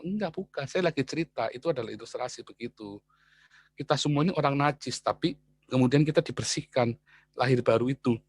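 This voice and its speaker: A man preaching a casual sermon, animated and exclamatory, with frequent interjections and chuckles. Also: medium pitch, fairly quick, husky, no room sound.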